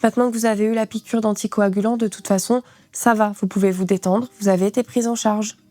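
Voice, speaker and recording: A woman's voice: medium pitch, fairly even intonation, fast talker, mellow, no echo, close to an everyday voice. A woman quoting an apologetic hospital doctor who tries to reassure, in her own voice, within a story. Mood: soothing. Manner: soothing, apologetic.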